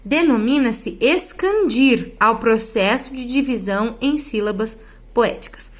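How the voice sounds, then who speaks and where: A teacher with a slightly high voice walks her class through the material one step at a time. She keeps checking that the students follow her, with little tag questions as she goes. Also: unhurried. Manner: explains step by step with frequent checks like "tá?" and "né?". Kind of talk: online class lesson.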